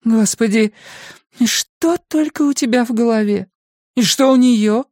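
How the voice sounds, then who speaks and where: Audiobook, male reader as a shrill furious woman, yelling, near tears. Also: moderate pace, no room sound, studio quality. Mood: scornful. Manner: screaming insults in a shrill high voice. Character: furious heartbroken woman, shouting and sobbing. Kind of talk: audiobook dialogue.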